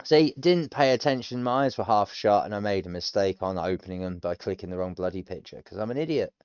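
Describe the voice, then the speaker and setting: A British man in his thirties, a language-learner streamer, rambles casually and self-deprecatingly while working through a language course, thinking aloud in a chatty way. His lowish voice moves fairly quickly and sounds a little mellow and clean. The highs are cut off, and faint music plays behind him.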